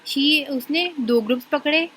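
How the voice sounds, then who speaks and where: A young woman walks through an assignment solution, explaining quickly and reading English definitions out slowly. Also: sits high, a bit bright, a little hiss or hum, rough recording. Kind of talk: casual tutorial walkthrough.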